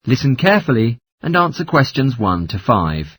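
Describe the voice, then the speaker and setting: A man's voice: medium pitch, very animated, moderate pace, a bit bright, breathy edge, no echo. A man narrating scripted exam instructions in a formal, instructional manner. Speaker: test narrator.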